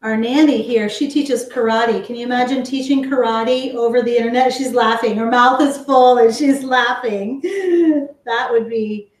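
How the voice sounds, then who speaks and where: A woman's voice: a little high, fairly even intonation, echoey room. A woman teaching a live online cooking class for kids, chatting with her viewers as she explains each step. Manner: chatty, slow and explanatory, talks to viewers as guys. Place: home kitchen.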